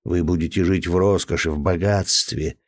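An eager suitor pleads in a low, rapturous voice, quick to flare into anger, as a man reads him in an audiobook. The recording is dry and close. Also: fairly even intonation, no echo. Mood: ardent. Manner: pleading, rapturous, angry outbursts. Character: eager male suitor, ardent and hot-tempered.

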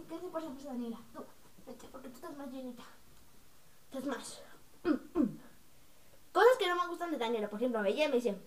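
A woman's voice: sits high, slight background noise. A young girl vlogging casually to camera, chatty and mocking as she acts out what her classmates say. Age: young, school-age.

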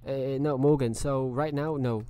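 A man's voice: medium pitch, fairly even intonation, a little slow, dark tone, soft background music. Chatty male game streamer. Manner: chatty, greets viewers by name. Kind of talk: casual live-stream commentary.

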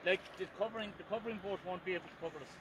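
A man on a small boat at sea, a diver talking in a quick, worried, casual way and swearing freely. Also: high voice. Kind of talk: casual chat. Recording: loud engine and wind noise outdoors. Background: boat engine and water.

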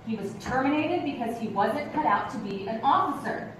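A middle-aged woman plays a veteran female cop in a live stage play, her high voice swooping, expressive and fairly bright at a normal speed. Defensive and indignant, she is patronizing, calling people darling and hun. A distant camera picks her up from far off across an echoey theatre stage with rows of seats, and the recording is noisy.

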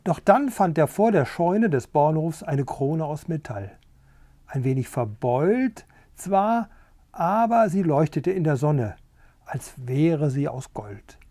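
Older guy reading a kids' book, warm dark voice, close and dry. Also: fairly high pitch, no room sound. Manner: unhurried, expressive. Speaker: reader of a children's book. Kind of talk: storybook read-aloud.

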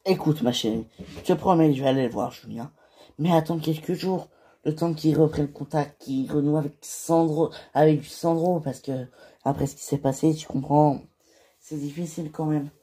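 A man voicing a calm, patient guy. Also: a little high, normal speed, breathy edge. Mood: reassuring. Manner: hesitant, filler-heavy delivery. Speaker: fan toy-figure series voice actor. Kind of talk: amateur home-made drama acting.

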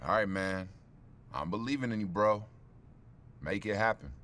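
A man's voice: on the low side, lively intonation, moderate pace, fairly bright tone. An actor playing a streetwise, indignant young male basketball player in a video game cutscene. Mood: low, dejected. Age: young adult. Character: bitter young basketball player passed over in the draft.

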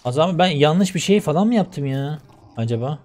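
A young man commentating his own gameplay, shouting in exasperation at losses and muttering to himself in quieter stretches. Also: on the high side, expressive, a little fast. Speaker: gaming YouTuber.

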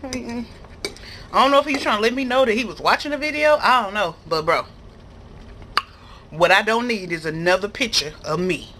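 A woman's voice: medium pitch, a little fast, long pauses, bright, forceful tone. An American woman chatting casually and emphatically to viewers in slangy phrasing, talking between mouthfuls as she eats. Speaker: mukbang vlogger. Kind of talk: casual chat to viewers while eating. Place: indoor room at a table. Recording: clear background noise, clattering cutlery and dishes.

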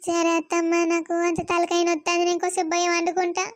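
A woman's voice: extremely high pitch, completely flat delivery, fast talker, no echo, studio quality. A woman voicing a tearful young married village woman, pleading and sad. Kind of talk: cartoon voice acting.

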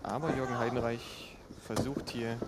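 Male boxing commentator over loud arena noise. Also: mid-range voice, steady tone, normal speed. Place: commentary position in an indoor sports hall.

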